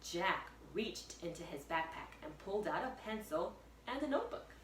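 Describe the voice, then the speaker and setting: A woman, a first-grade teacher, reading aloud to young pupils with expressive, suspenseful storytelling. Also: medium pitch, normal speed. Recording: echoey room, distant mic, faint noise.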